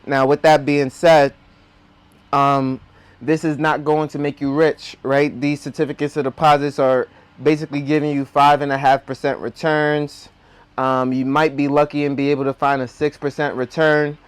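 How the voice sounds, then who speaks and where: A man with a slightly high voice explains things directly to his viewers. He talks with braces on his teeth, which slightly impede his articulation. The sound is dry, with no room echo. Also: flat delivery, moderate pace, clear, resonant tone. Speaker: host of a personal finance video.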